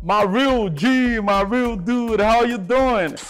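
Jovial uncle, raised pitch, effusive, faint music behind. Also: male voice, lively intonation, moderate pace. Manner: effusive, chatty on the phone. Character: jovial uncle, warm greeter.

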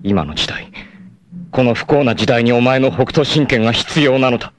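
In a tender farewell, a man voices a long-haired martial artist from a 1980s anime, a proud figure willing to sacrifice himself. His mid-range voice moves at normal speed, lightly acted, though the role calls for solemn drama and fierce battle cries.

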